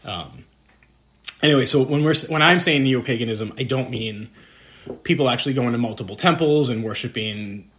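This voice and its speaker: A man's voice: medium pitch, lively intonation, normal speed, a bit bright. A man with a Boston accent, co-hosting a casual podcast conversation, rambling with lots of ums and self-deprecating asides. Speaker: podcast co-host.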